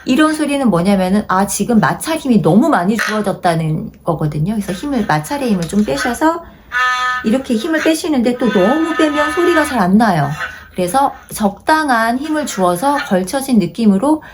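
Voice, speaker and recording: A woman teaching a haegeum lesson, patiently repeating each instruction and slowing down to demonstrate. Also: on the high side, expressive. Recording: noisy home-video recording.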